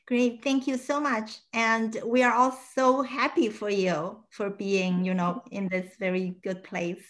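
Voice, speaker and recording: Slow-speaking woman moderator. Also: medium pitch, flat delivery.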